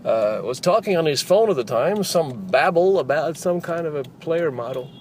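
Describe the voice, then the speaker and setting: A man's voice: a little high, lively intonation, moderate pace, a little mellow, close to an everyday voice. A man putting on the voice of a solemn male TV newsreader, while driving. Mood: mock-solemn. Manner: formal news-report delivery. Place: inside a car while driving. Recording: road noise inside a moving car.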